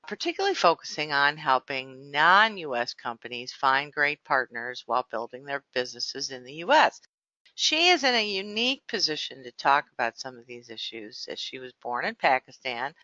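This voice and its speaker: A woman's voice: low-pitched, bright, forceful tone, no room sound, dull audio. A woman hosting an interview podcast, speaking articulately and addressing her guest and listeners in a formal way. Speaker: podcast host. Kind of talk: scripted podcast introduction and interview.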